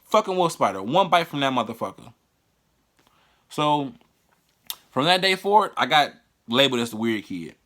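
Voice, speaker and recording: Profane, halting man with a bright voice. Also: mid-range voice, big pitch swings. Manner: profane, halting, with frequent restarts. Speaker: vlogger. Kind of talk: casual personal storytelling.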